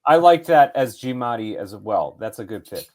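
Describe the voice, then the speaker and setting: Man, podcast co-host, very lively pitch, laughs a lot. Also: moderate pace, a crowd in the background. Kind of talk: casual chat.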